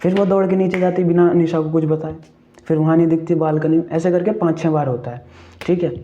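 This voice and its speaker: Casting: man, a bit higher-pitched, very dark mellow voice, informal ghost-story teller, lo-fi faint hiss. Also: steady tone, brisk. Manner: chatty, keeps saying "ठीक है" and asking the listener questions. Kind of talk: casual retelling of a ghost story.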